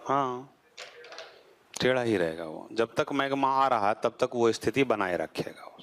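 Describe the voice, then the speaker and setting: A male teacher gives a classroom geography lecture at a moderate, mid-range pitch. He keeps putting rhetorical questions to the class and answering them himself. His voice falls low as he closes off each point. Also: animated, measured pace, fairly bright tone, slight background noise.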